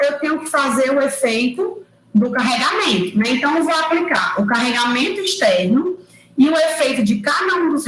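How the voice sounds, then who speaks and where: A woman lecturer giving an online engineering class, explaining step by step and checking in with quick tag questions. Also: high voice, reverberant, noisy background. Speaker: university lecturer. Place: room at home or office, recorded over a digital platform. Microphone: computer mic on a video call.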